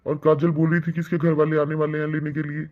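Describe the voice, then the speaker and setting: A man's voice: fairly high pitch, monotone, fast, close to an everyday voice. A man voicing a polite young husband in a cartoon, talking to his mother about his new wife. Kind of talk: cartoon voice acting. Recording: tinny phone-like sound with faint music.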